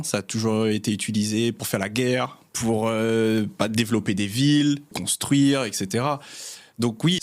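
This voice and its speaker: Relaxed man. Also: lowish voice. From Réunion. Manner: relaxed, many fillers, laughs easily. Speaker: guest, cartographer. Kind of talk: casual interview chat.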